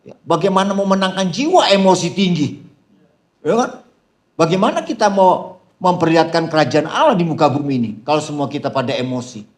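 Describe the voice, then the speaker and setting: A man preaching at a seminar in a lively, animated style, calling out to the crowd and shouting some punchlines. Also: a little high, brisk. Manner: addresses the crowd as "Saudara", calls out "haleluya". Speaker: pastor. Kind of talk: seminar sermon.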